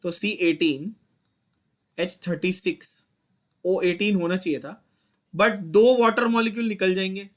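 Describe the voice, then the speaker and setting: In an online chemistry lecture, a young Indian man with a high-pitched voice speaks unhurriedly and pauses at length. He coaxes his students, repeats points and asks them to say them back.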